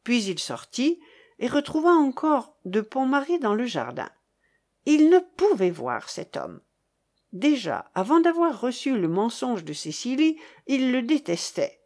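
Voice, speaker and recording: A woman reading a novel aloud as narrator, with expressive storytelling. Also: a little high, a little slow.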